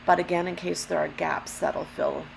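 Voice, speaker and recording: This low-pitched, gravelly woman gives a casual step-by-step craft demonstration, explaining carefully at an easy pace and adding apologetic asides. Allergies affect her voice, and she clears her throat. The low-quality audio has a constant hum and a lawnmower in the background.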